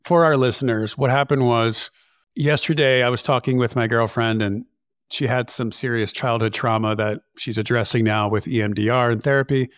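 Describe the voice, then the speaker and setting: A man's voice: medium pitch, fairly even intonation, normal speed, no echo, studio quality. A man, a podcast host, candidly recounting a personal story in casual chat. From California. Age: older. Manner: candid, plain-spoken, recounting events.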